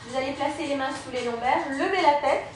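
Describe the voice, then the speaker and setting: High-voiced woman guiding a Pilates class. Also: a little fast, distant mic. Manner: encouraging, cueing breath and movement step by step. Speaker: Pilates and yoga instructor. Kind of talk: guided exercise class instruction. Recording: very echoey room, voice from afar, faint music.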